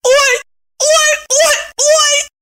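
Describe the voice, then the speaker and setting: A shrill, sobbing wife. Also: female voice, unhurried, fairly bright tone. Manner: wailing and sobbing, high-pitched squeals. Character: tearful, shrill middle-aged wife pleading for a stray dog. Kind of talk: storybook reading.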